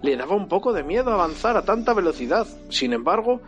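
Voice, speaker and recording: A father reading a storybook aloud to his child with animated, expressive delivery. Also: high-pitched, fast, dull audio, soft background music.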